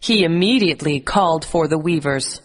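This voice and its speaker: A woman reading a scripted bedtime story for children in a clear, expressive storybook delivery. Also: low voice, normal speed.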